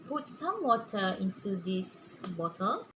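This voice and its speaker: A woman teaching a simple step-by-step preschool lesson like a kids show host, haltingly, often asking questions and checking in with "okay?". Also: medium pitch, big pitch swings, fairly bright tone. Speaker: preschool science teacher presenting a demonstration. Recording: clearly noisy room recording.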